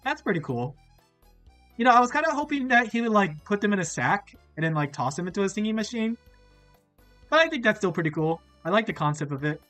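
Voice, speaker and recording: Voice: medium pitch, animated, a little fast, fairly bright tone, no room sound. Give me a streamer with crunchy, bitcrushed mic audio, chatting with dry sound and faint music behind. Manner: rambling, curious, asks many questions. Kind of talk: casual stream chat. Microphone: laptop portable streaming setup.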